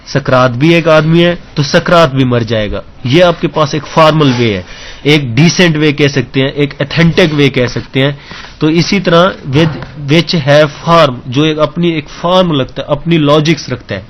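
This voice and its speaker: A male teacher giving an exam-prep lecture, explaining step by step, often asking if students follow and mixing English terms into his talk. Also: a little high. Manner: keeps checking understanding with questions.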